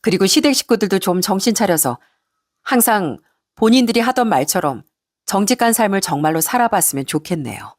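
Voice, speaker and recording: A woman narrates a first-person story in a chatty, indignant tone, as if confiding in listeners. Her voice sits at a mid pitch and sounds dry and close, with no room echo. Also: expressive, a little fast. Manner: conversational, recounting with indignation.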